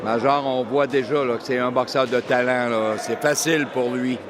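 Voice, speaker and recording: A man's voice: medium pitch, steady tone, moderate pace. A man with a Quebec accent giving colloquial live boxing commentary. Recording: noisy venue background.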